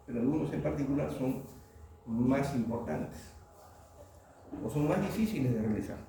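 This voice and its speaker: A man lectures a class from a distance, his dark, gravelly voice bouncing around a very echoey room. Faint noise sits under the recording. He keeps throwing questions at the students and tags his points with "¿no?". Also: medium pitch, animated, normal speed. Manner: asks the class questions, tag "¿no?". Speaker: oral surgery lecturer.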